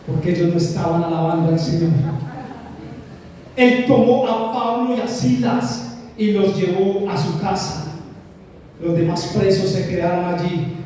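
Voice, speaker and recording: A man's voice: high-pitched, mellow, slight background noise. A Colombian man preaching a sermon, emphatic and repetitive, often calling out directly to the congregation. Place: large church hall. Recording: echoey church hall from a distance.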